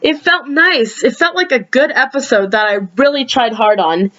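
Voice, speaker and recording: A woman casually rambling through reviews of her own videos, sleepy and yawning, with lots of ums and sudden jumps in pitch. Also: moderate pace, a bit bright, dull audio.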